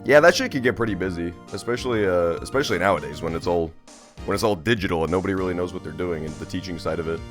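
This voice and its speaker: A man's voice: deep voice, very fast, soft background music. A man streaming a game and chatting casually with viewers, playful, rambling and sweary. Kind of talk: casual live-stream chat with gameplay commentary.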